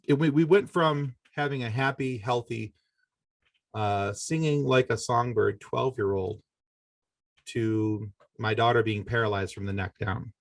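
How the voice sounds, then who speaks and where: This middle-aged man's voice is medium-pitched and creaky, recorded with no echo. Appearing as a podcast guest, he recounts a personal story conversationally, pausing often to correct himself.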